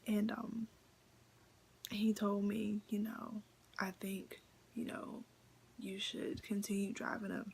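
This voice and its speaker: Soft-spoken woman with a gravelly edge. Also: mid-range voice, slow, pauses often, slight background noise. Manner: chatty, excited, many fillers and repeats. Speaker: vlogger. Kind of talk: casual storytelling to camera.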